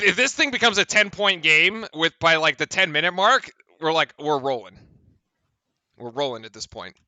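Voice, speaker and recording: Man, fan play-by-play streamer, bright clear voice, excitable, dry close mic. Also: on the high side, no echo. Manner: excitable, shouts on big plays, chatty with chat. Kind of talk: live fan commentary.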